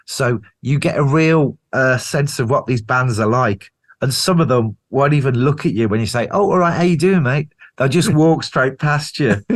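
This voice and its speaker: Lively British rock singer telling stories. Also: male voice, mid-range voice, moderate pace, few pauses. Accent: British English. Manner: animated storyteller, swears freely, acts out quotes. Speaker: band singer, guest. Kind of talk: casual anecdotal interview.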